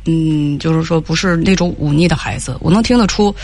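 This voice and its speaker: Calm male radio advice host. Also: on the high side, a little fast. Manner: calm, guiding, cuts in to steer the caller.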